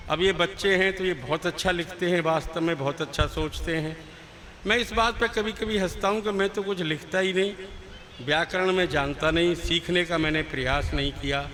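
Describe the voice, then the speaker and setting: A man's voice: high-pitched, fairly bright tone. An older man performing as a poet at a live poetry gathering, chatting with the crowd through rhetorical questions and chanting verses into a stage microphone. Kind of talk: humorous stage poetry recital.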